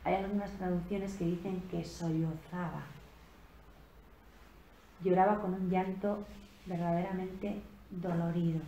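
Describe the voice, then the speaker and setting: A woman giving a slow, reflective sermon on a Gospel passage at a retreat, rising in emphasis on key phrases. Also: on the low side, dark tone. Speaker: preacher giving a retreat talk. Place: convent retreat room. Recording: echoey room with faint background noise.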